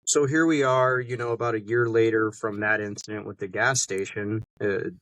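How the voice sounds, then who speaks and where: A man from Montana, a podcast guest, retelling his run-ins in a casual, animated way and acting out other people's lines. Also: fairly low pitch, moderate pace, no echo. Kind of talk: casual storytelling interview.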